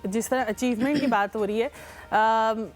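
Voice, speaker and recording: A woman's voice: on the high side, normal speed. A woman, co-hosting a morning show and giving earnest advice in casual chat. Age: 30s. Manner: earnest, advice-giving, many affirming interjections.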